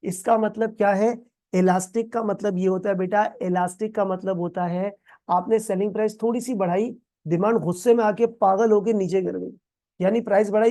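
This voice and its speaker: Mellow-voiced man teaching. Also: high-pitched. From Pakistan. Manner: calls students "beta", quizzes them with call-and-response questions; explains with playful everyday examples, mixing in English terms. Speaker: accounting tutor. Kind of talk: recorded exam-prep lecture.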